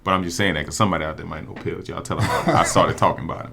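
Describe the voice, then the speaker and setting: A man's voice: deep voice, racing, creaky, background noise. A man, a prosecutor telling stories in a laid-back way with street slang on a casual podcast. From New Orleans. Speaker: prosecutor and judge candidate.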